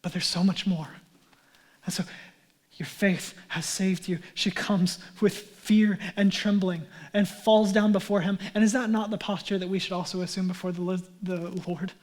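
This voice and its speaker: A man preaching a sermon as pastor, earnest and conversational, dropping to a hush for emphasis and using casual asides. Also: sits high, fairly even intonation, normal speed.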